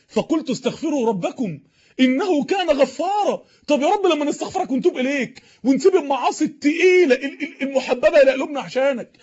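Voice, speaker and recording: A man's voice: extremely high pitch, slightly rough. A man with an Egyptian accent preaching a sermon, impassioned, with rhetorical repetition. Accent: Egyptian Arabic. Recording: dull lo-fi recording.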